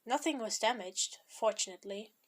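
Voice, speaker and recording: A woman with a fairly high voice reads a fan fiction story aloud in plain narration. She stumbles over words now and then and restarts phrases. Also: moderate pace, a bit bright. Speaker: fanfiction reader. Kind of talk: reading a fanfic aloud.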